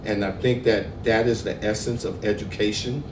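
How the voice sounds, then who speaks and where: A man speaking earnestly as a law student and activist on a panel, pausing often with fillers. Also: fairly low pitch, fairly even intonation. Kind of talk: panel discussion. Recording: roomy, distant, noisy.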